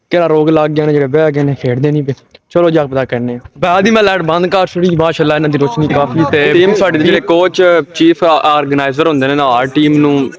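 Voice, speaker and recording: A man's voice: a little high, lo-fi sound. A man, chatting casually as he vlogs from an outdoor night volleyball ground on a phone camera. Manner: chatty, greets and interviews players. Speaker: vlogger. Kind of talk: casual vlog narration.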